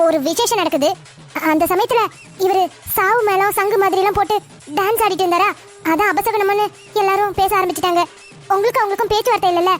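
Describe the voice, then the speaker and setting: A woman doing a stammering, anxious cartoon neighbor. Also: very high voice. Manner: stammering, pleading.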